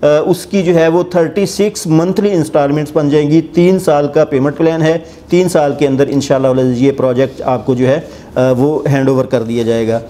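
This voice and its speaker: A man's voice: a little high, normal speed. Pakistani man explaining property rates. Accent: Pakistani Urdu. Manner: hesitant, many filler sounds, steady explanatory tone; seated, gesturing with hands while reading notes. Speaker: property channel host. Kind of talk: explaining a real estate project to camera. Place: indoor office with armchair. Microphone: lapel mic.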